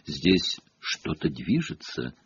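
A man voicing a dreamy, eccentric older woman seer who teaches, speaking in a hushed, slow, mystical way. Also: fairly low pitch, very animated, breathy edge, heavily acted. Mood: ominous whisper. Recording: dull lo-fi cassette audio.

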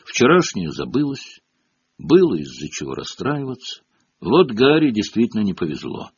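A man reading an audiobook with expressive storytelling. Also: fairly low pitch, moderate pace, husky, no echo. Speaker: audiobook narrator. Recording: dull lo-fi audio.

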